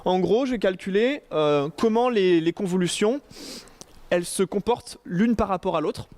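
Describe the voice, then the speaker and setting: A man giving a relaxed conference talk on AI, informal and joking, with lots of fillers and restarts. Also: sits high, normal speed. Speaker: conference speaker on AI.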